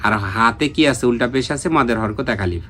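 A man's voice: mid-range voice, fairly quick, bright, forceful tone, husky. A man teaching Quran recitation online, patiently repeating letter names and drilling pronunciation. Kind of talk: online Quran reading lesson.

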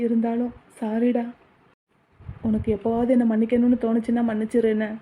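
A woman's voice: on the high side, monotone, a little fast, dark tone, natural voice. A woman voicing a remorseful young man who pleads apologetically for forgiveness in an amateur audio drama.

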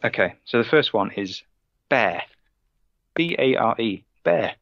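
Playful quizmaster, dull lo-fi sound. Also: male voice, mid-range voice, sing-song, unhurried, gravelly, a bit bright, no echo. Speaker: podcast co-host running a slang quiz. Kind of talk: casual podcast chat.

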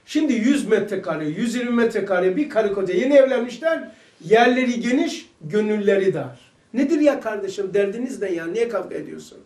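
A man teaching a religious lesson, fervent and firing rhetorical questions, at times shouting. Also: sits high, lively intonation, brisk, echoey room.

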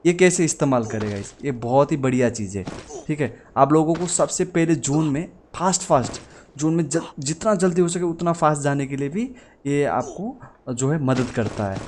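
A young man talks his viewers through live gameplay in a chatty, excitable voice that sits a little high. He keeps up a constant stream of joking commentary. A faint hiss of noise runs underneath. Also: moderate pace. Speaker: gaming channel host.

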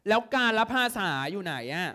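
Brief: young male exam tutor from Thailand, high voice, keeps firing quick check-in questions at the class. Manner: lively, constantly checks understanding with quick questions. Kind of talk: exam prep lesson to students.

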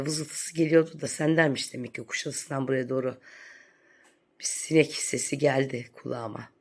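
A woman vlogger delivering a sarcastic, scolding rant in a commentary vlog. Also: low-pitched.

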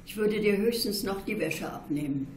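A woman reading aloud and voicing a sly, kindly old woman who speaks slowly and thoughtfully. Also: mid-range voice, darkish tone, slight background noise, lightly acted. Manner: slow, drawn-out, musing. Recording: roomy echo.

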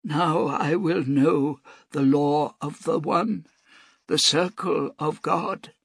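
A man voicing a frail old priest on his deathbed, speaking faintly and slowly in a thin, high voice. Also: fairly even intonation, gravelly, fairly bright tone, breathy edge, no room sound, full character voice. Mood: faint, serene. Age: older. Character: dying old bearded priest, frail and serene.

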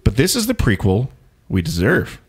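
A man's voice: fairly low pitch, huge pitch swings, normal speed, breathy edge. A young man hosting a casual geek talk show, joking, swearing and enthusiastic. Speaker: podcast host. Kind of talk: casual live-stream chat.

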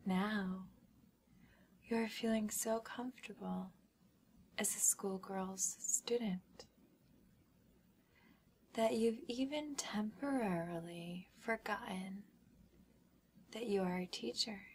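A woman whispers through an ASMR hypnosis role-play, playing a smug, controlling schoolgirl with deliberate, commanding phrasing. Her voice is medium-pitched with a breathy edge.

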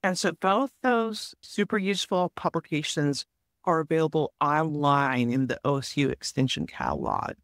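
A woman guest on a podcast interview, calmly explaining forest disease prevention in a measured, advice-giving way. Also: sits low, gravelly, no room sound, studio quality. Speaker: forest health guest expert.

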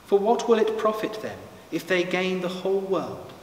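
A man, a priest, reading the gospel in a measured, solemn way, heard from a distance in a big church with a long cathedral echo. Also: high-pitched, very animated. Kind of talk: liturgical scripture reading. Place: large church. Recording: long church reverb from far off, faint noise.

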